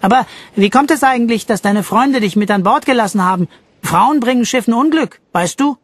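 A man voicing Jean, a lively male sailor, in an audiobook, speaking animatedly. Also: extremely high pitch, brisk, no echo, pitched above the performer's own voice. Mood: teasing. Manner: animated, raised voice.

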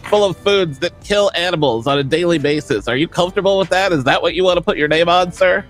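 A young man plays a protester in a game role-play. His voice sits a bit high, and he fires question after question like a pushy reporter. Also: quick pace, a bit bright, soft background music. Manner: questions people like a pushy interviewer.

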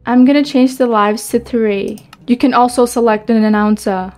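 Young woman, gaming video host, fairly high voice, tutorial and gameplay talk. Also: fairly even intonation, moderate pace, darkish tone, soft background music. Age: young adult. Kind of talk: gameplay chat and tutorial narration.

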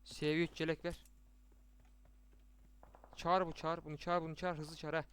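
A young man commentating his mobile shooter match with teammates, chatty, muttering to himself and then bursting out excitedly. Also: a little high, normal speed, clear, resonant tone. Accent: Turkish. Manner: chatty, swings between muttering and excited outbursts. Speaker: gaming streamer. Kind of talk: live gameplay commentary with teammates.

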